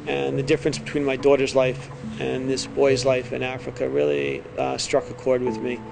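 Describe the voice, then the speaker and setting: A man's voice: mid-range voice, completely flat delivery, moderate pace, creaky, poor audio. A middle-aged man, a teacher, telling his story and explaining in an interview style. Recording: music behind the voice. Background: music.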